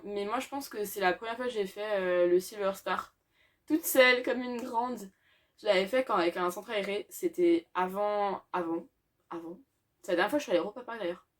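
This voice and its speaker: A teenage girl chatting through a list of questions for her channel. She talks casually with many hesitations and fillers, breaking into small laughs now and then, her voice at an ordinary middle pitch. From France. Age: teens. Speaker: YouTuber. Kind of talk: casual Q&A tag video.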